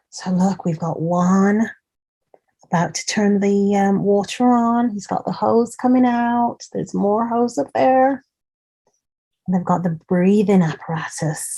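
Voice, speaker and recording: This storytime host speaks in a mid-range voice with a dark tone. She reads a picture book aloud and chats encouragingly to the young listeners, drawing their attention to details.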